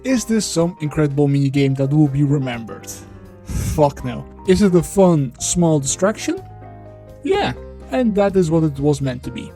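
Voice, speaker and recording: Man through a voice changer, mellow tone. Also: on the high side, big pitch swings, faint music behind. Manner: blunt, sweary, loose and halting when off script. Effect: voice changer disguising his voice. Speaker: indie game developer. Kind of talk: devlog voiceover.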